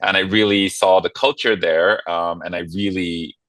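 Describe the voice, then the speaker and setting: Man, from Hawaii, low deep voice, interview guest, friendly, self-deprecating, dry close sound. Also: steady tone, normal speed, fairly bright tone, dry recording. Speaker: guest, nonprofit marketing director. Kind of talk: casual interview chat.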